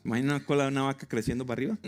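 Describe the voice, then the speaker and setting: A man with a Colombian accent, preaching a sermon in a lively, joking way and acting out stories. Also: medium pitch, rapid-fire, faint music behind. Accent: Colombian Spanish. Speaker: pastor.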